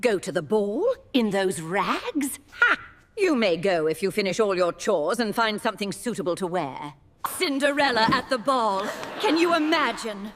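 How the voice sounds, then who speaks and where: A woman's voice: sits high, expressive, slow pace. A woman voicing a cold, haughty stepmother who mocks and sneers in a theatrical storybook manner, with music playing behind. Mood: mocking. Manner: sneering, mocking. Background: orchestral music.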